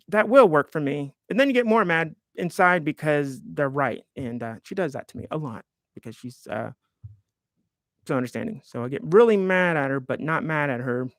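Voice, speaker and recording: A man in his fifties with a fairly high voice hosts a live stream, chatting in a rambling, self-deprecating way as he reads viewer comments aloud. The studio sound is clean, with no echo.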